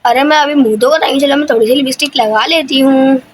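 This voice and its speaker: Cartoon mom scolding her kid, woman voicing, high voice, bossy. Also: quick pace, a little hiss or hum, close to an everyday voice. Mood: homely. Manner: scolding, instructing. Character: scolding cartoon mother Chanda. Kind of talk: cartoon voice-over.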